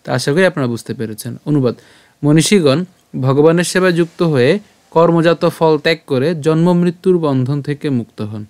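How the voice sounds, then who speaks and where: A man teaching how to pronounce a verse, reciting it slowly syllable by syllable and patiently explaining each sound. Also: on the high side, a little mellow, smooth, dry recording. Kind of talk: pronunciation lesson.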